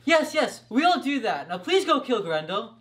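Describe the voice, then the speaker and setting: A man's voice: very high-pitched, very animated, normal speed, a bit bright, full character voice. A young man playing a panicky, whiny medieval Danish king in an amateur comedy sketch. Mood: pleading, impatient. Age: young adult.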